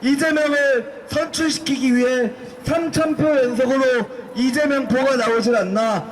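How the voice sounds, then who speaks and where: A young man delivering a fiery political rally speech, forcefully throwing rhetorical questions at his listeners. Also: very high-pitched, fairly even intonation, measured pace. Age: young adult. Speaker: youth group speaker at protest rally. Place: outdoor protest rally. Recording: noisy outdoor rally with crowd.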